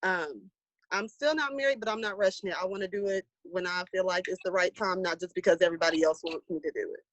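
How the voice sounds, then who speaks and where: A woman in her thirties in a casual group discussion, relaxed and quick to joke about herself. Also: lowish voice, no room sound, rough recording. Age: 30s. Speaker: guest. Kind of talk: casual chat.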